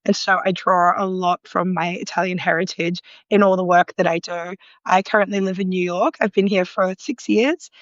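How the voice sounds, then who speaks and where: An Australian woman, a food illustrator, chats casually as a guest in a live online interview over a remote call, full of ums, likes and frequent small laughs. Her fairly low voice holds a steady tone at a moderate pace with hardly any pauses. The audio is dull with no room sound, though sirens can be heard outside her apartment in a loud city.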